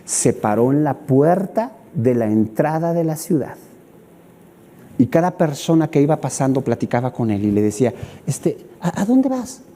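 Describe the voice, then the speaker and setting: A man's voice: medium pitch, normal speed, a little hiss or hum. A middle-aged man with a Mexican accent preaching a sermon, acting out scenes and asking rhetorical questions. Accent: Mexican Spanish. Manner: animated, acts out scenes, asks rhetorical questions. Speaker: pastor.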